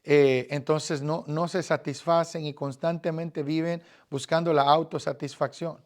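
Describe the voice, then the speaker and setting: In an unhurried, level tone and a voice on the high side, a man from Guatemala teaches an earnest Bible lesson about evangelism. His Spanish carries a Guatemalan accent, and he talks directly to the listener, often using fillers.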